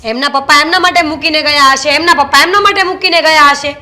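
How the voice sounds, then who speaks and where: A woman's voice: sits high, quick pace, pushed and bright. An actress playing a young daughter-in-law who scolds her mother-in-law sarcastically. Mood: scolding. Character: sharp-tongued young daughter-in-law refusing tea.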